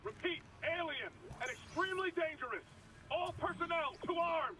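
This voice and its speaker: An actor playing a stern military commander in a sci-fi horror game, giving an urgent, clipped shipwide announcement. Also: male voice, very high-pitched, lively intonation, normal speed, pushed and bright, exaggerated voice. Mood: urgent, commanding. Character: stern male military commander broadcasting an alien alarm.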